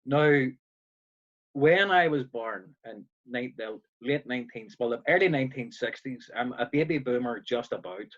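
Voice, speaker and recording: A Northern Irish man in his fifties, speaking with his native accent in a mid-range voice at a moderate pace, chats casually over a video call as a musician guest. He tells stories with dry humor, and the recording sounds muffled.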